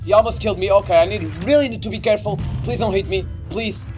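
Young male game streamer, high-pitched and lively, jumpy and sweary, over faint game music. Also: fast. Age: young adult. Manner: excitable, easily startled, swearing. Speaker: gaming video creator. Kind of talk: let's play game commentary.

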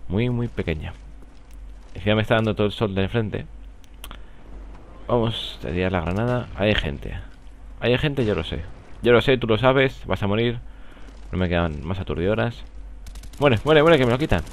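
A young man with a Spanish accent from Spain, rambling and joking through live gameplay commentary, with sudden excited outbursts. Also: lowish voice, moderate pace, creaky, pauses often, a little hiss or hum. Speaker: gaming commentator.

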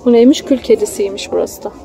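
Filming on a handheld phone at an outdoor children's theme park, a young mother chats casually with her child from behind the camera. Her mid-range voice is gravelly and quick, with a crowd in the background and faint park ambience on a rough recording.

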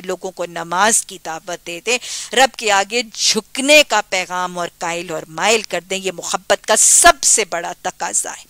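A woman's voice: mid-range voice, fairly bright tone, dry recording. A middle-aged woman with a Pakistani Urdu accent giving a religious lecture as a Quran teacher. She speaks earnestly and exhorts, repeating phrases for emphasis.

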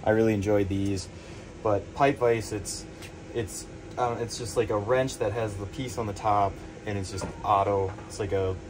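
Over music and through poor audio, a young plumber with a low-leaning voice speaks at normal speed about his tools during a casual on-the-job interview. Working in a crawl space under a building, he rambles easily, scattering "like" and "I mean" throughout.

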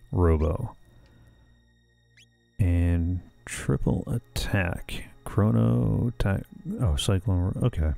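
Deep, gravelly man giving casual game commentary. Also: mellow, dry recording. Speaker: gamer and host of a playthrough series. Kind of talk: casual game commentary, reading text aloud. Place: small indoor room. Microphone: desk microphone close to the mouth. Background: video game music.

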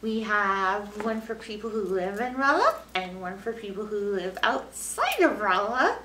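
A woman's voice: mid-range voice, big pitch swings, measured pace, sharp tone. A middle-aged American woman presenting a children's story time with exaggerated expression, as a librarian talking to young children. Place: indoor library room, seated on a couch. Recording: roomy, distant mic, faint noise.

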